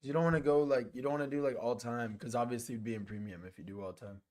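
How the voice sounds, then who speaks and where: A day trader streaming live talks his chat through a trading session, quick and relaxed, peppering his slangy speech with "like," "bro," and "yo." His voice sits in an ordinary middle pitch as he breaks setups down step by step between offhand asides.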